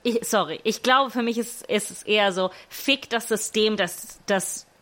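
A woman's voice: medium pitch, measured pace, fairly bright tone. Blunt woman searching for words. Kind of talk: casual discussion.

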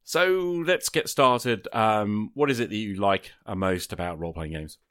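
This host's lowish voice is clear, resonant and fairly bright, kept at a measured pace as he reads scripted podcast introductions and questions a guest. It's studio quality, with no room sound.

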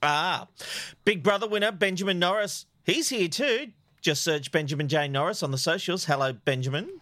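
A man's voice: sits high, moderate pace, bright, forceful tone, dry recording. A man hosting a podcast in casual chat, laughing often and poking fun at himself. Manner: laughs often, self-mocking. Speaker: podcast host.

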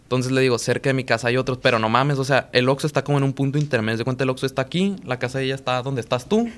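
A man's voice: medium pitch, racing. A young man with a Mexican accent tells a long story in loose, slangy Spanish. He swears often and quotes himself and others as he goes. It sounds like friends chatting on a podcast. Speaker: podcast co-host. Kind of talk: casual storytelling chat.

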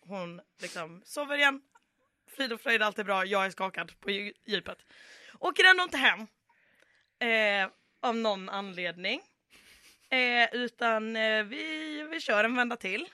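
A woman's voice: fairly high pitch, no echo, studio quality. A young adult woman, a podcast guest, telling a long anecdote in casual chat and acting out the people she quotes. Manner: animated storyteller, acts out quoted dialogue.

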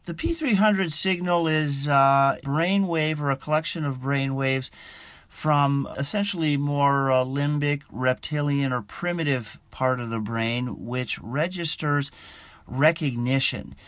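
A man speaking as a science correspondent in an interview, explaining things in a halting, measured way. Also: a little high, fairly bright tone, dry recording.

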